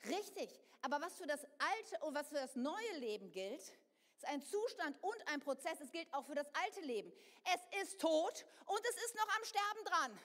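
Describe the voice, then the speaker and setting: A woman's voice: high-pitched, big pitch swings, normal speed, fairly bright tone, long reverb tail. A woman preacher delivering a sermon to her congregation, speaking expressively and addressing her listeners directly. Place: church hall.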